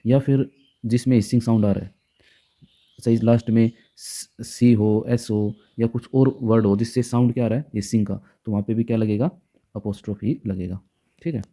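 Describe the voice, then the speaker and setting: A man explains grammar rules to students. His voice is very dark and sits low in pitch, and his delivery stays patient and unhurried, repeating each point and checking in often. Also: steady tone. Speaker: grammar teacher. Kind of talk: classroom grammar lesson.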